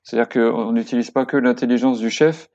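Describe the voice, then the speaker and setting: Guy on a podcast, gravelly voice, lots of euhs, kinda muffled lo-fi sound. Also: medium pitch, fairly even intonation, a little fast, darkish tone. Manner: hesitant, many fillers and restarts, enthusiastic. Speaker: podcast guest, workshop co-creator. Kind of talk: casual interview chat.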